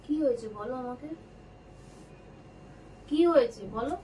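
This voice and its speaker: A woman's voice: fairly high pitch, measured pace, dark tone. A woman acting a worried wife in a short family drama, insistent and pleading as she questions. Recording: distant mic, faint room noise.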